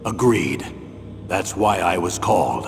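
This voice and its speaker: A man's voice: low-pitched, animated, a little slow, creaky, exaggerated voice. A man voicing a grave, earnest retired colonel giving a commanding mission briefing in a video game. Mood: grave, businesslike. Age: older. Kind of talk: dramatic video game voice acting. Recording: long hall reverb, music behind.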